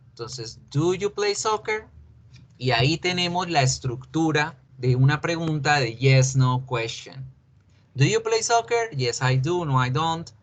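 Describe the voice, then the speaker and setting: A man's voice: a little high, fairly bright tone. A male English teacher explaining grammar patiently in a recorded online class, mixing English examples into his talk and asking and answering his own questions. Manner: asks and answers his own questions aloud, as a student would.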